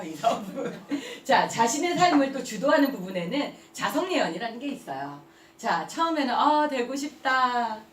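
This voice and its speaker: A woman in her thirties giving a motivational seminar talk, telling animated stories and laughing often. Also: on the high side, slight background noise. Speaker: network marketing speaker. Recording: echoey room, heard from a distance.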